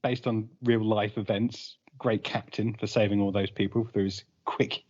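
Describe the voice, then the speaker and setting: A man's voice: fairly low pitch, fairly even intonation, normal speed, a little mellow. A man co-hosting a podcast, making his case in a hesitant way and often repeating words. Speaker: podcast co-host. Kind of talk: casual chat. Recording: dull lo-fi podcast audio.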